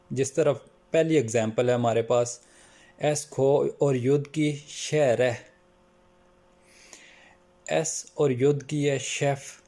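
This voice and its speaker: Man, language teacher, calm explanatory lesson, slow careful examples, warm mellow tone. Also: mid-range voice. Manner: calm, slows down to spell out example words. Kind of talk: Norwegian pronunciation lesson.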